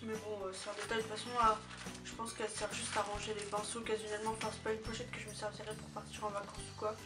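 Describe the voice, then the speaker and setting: A woman's voice: medium pitch, monotone. Chatty woman reviewing, distant mic. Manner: chatty, hesitant, many filler pauses. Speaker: beauty vlogger. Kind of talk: casual product review. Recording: distant mic with music behind.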